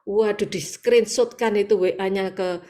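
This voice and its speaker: East javanese lady preaching over a video call, lively, acts out voices, mid pitch. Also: measured pace. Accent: East Javanese Indonesian. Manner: lively, acts out quoted voices, laughs often. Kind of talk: sermon at an online morning prayer meeting. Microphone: video call audio.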